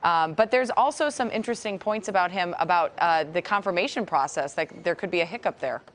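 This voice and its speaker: A woman's voice: on the low side, fairly quick. An American woman anchoring a live news interview, asking questions in a conversational, somewhat hesitant way.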